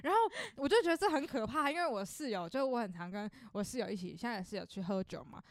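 A woman's voice: fairly high pitch, animated, fast, dry recording, clean studio sound. A young woman, a podcast co-host who chimes in with quips during casual chat. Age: young adult. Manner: chimes in with laughing reactions and quips.

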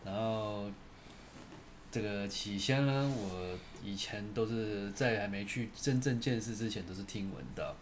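Young guy, slow measured cohost, bit of hiss in the background. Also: lowish voice. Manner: measured, hesitant, frequent fillers. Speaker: co-host. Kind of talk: casual chat.

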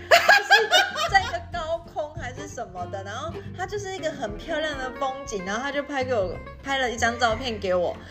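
A woman with a Taiwanese accent in casual, teasing banter as a co-host, giggly as she talks. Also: on the high side. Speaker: podcast co-host. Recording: music behind the voice.

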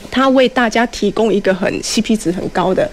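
A woman's voice: medium pitch, a little fast, slight background noise. A middle-aged woman with a Taiwanese Mandarin accent, explaining things casually and chattily, slipping into Hokkien and asking rhetorical questions. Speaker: community college teacher, guest speaker. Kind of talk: casual explanatory talk on a show.

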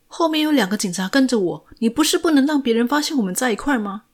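A woman's voice: lowish voice, a little slow. Woman reading scared teen schoolgirl, tense, voice pushed up. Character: frightened teenage schoolgirl facing police.

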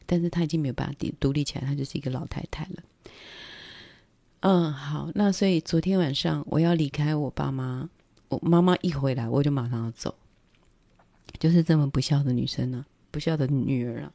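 Middle-aged taiwanese woman chatting on a livestream, low mellow voice, dry close sound. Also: a little fast, gravelly, dry recording. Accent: Taiwanese Mandarin. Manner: chatty, acts out her parents' words. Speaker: livestream host. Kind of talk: casual storytelling.

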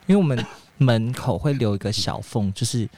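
A man's voice: mid-range voice, fairly quick. A man co-hosting a casual podcast chat, telling workplace stories and acting out what people said. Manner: animated, acts out quoted lines. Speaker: podcast co-host.

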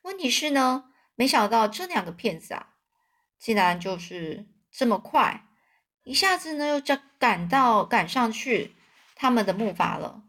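A woman's voice: a little high, sing-song, unhurried, a bit bright. Chatty woman telling a serialized story. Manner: chatty, drawing out particles after phrases.

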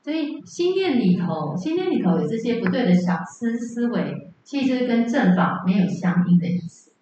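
A woman's voice: fairly high pitch, very animated, normal speed, dark tone, slight background noise. A woman teaching Buddhism in a lecture hall, telling stories and asking the audience rhetorical questions. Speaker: dharma teacher. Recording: dull, echoey, from far off.

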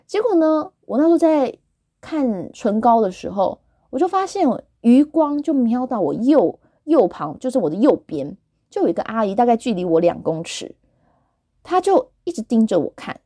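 A woman tells casual stories as a podcast host, and her pitch swings widely as she acts out the people she quotes. The recording is dry and close, with no room echo. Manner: animated, acts out quoted voices. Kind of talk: casual storytelling.

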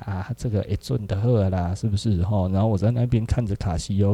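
A man's voice: low-pitched, creaky, mellow, husky, dry recording. A middle-aged man with a Taiwanese Mandarin accent, hosting a podcast in chatty monologue and tagging his points with rhetorical questions. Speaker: podcast host, clothing shop owner.

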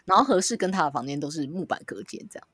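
A woman co-hosts a casual podcast, telling stories with frequent laughter. Her voice is somewhat husky and very animated in pitch. The recording is close and dry. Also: rapid-fire, no echo. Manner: lively, laughs a lot, storytelling. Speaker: podcast co-host. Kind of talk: casual chat. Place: small wooden-walled room at home.

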